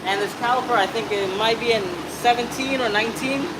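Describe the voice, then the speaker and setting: His voice is very high-pitched and steady, fairly quick, and heavy noise fills the background. He's a mechanic in his thirties casually talking his way through a brake job on a hoisted truck in an auto shop, rambling and swearing at times.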